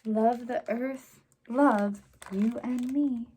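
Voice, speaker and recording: A woman hosts a story time for children, reading to them and talking in an exaggerated, encouraging, sing-song manner. Her voice is a little high and warm, her intonation fairly even, and she speaks extremely slowly. Background noise is clearly present.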